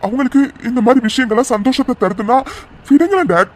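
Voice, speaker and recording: A man voicing a calm, reassuring young adult son in a cartoon drama. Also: very high voice, fast talker. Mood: soothing. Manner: gentle, reassuring. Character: grown son, calm and soothing.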